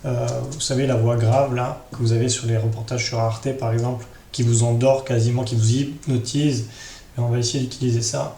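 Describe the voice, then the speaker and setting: A man hosts a casual screen tutorial, improvising and thinking aloud with frequent tag questions. His medium-pitched voice has a dark tone and little pitch movement, and he talks fairly quickly. The room echoes, with faint background noise.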